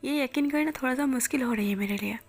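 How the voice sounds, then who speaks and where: A reserved young man, deeply in love, speaks in a soft, low-key way, as a woman storyteller puts him on. The voice sits fairly high. Faint music plays underneath. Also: fast talker, lightly acted. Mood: tender.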